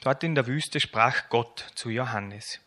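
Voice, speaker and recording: A man, a pastor telling a children's Bible story in a sermon with plain storytelling and quiet asides. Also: medium pitch, takes it slowly.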